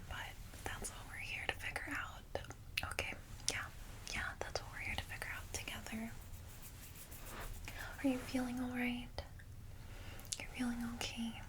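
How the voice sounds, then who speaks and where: In an ASMR roleplay, a woman whispers softly and gently in a breathy, slightly high voice as a kindly vampire secretary welcoming a newly turned vampire, reassuringly guiding the newcomer. The close whisper comes with clear background noise.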